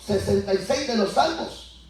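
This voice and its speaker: Animated preaching man in an echoey church. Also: high voice, measured pace. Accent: Latin American Spanish. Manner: animated preaching, acts out biblical voices, rising to shouts. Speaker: pastor. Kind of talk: Pentecostal sermon. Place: church sanctuary. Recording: echoey church heard from far off. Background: congregation answering.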